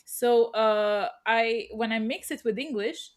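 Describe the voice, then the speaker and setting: A woman's voice: a little high, slow. A woman in a casual discussion, talking in a chatty, explanatory way and offering examples as a panel participant. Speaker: panel participant, language learner.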